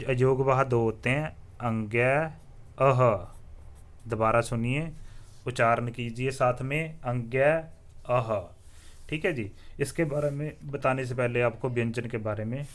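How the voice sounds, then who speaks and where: A man teaching the alphabet in a slow classroom style, sounding out letters one by one and asking listeners to repeat after him. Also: medium pitch. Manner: drills letters aloud and asks viewers to repeat; often says "theek hai ji" as a filler. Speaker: Hindi teacher.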